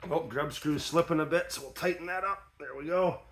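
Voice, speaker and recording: A man's voice: a little high, brisk, noisy background. A man in his workshop, casually demonstrating an old tool in a folksy, plain-spoken way, with ratchet clicks behind him. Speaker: tradesman demonstrating an antique tool.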